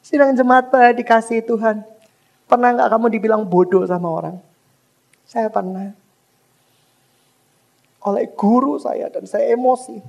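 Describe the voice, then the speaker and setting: A man's voice: very high voice, steady tone, moderate pace, vocal fry, long pauses, darkish tone. A male pastor preaching a sermon to a congregation in church, impassioned and emphatic, with rhetorical questions.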